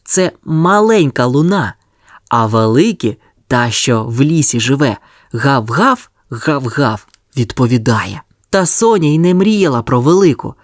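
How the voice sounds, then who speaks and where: A storyteller reading a children's audio tale in a lively, expressive way. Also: mid-range voice, normal speed, dry recording, clean studio sound.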